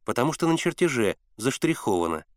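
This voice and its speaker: Man reader as a calm, meticulous teen boy, even-tempered, lively intonation, dry close mic. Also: mid-range voice, dry recording, lightly acted. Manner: calm, measured, precise. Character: careful, pedantic teenage boy, calm.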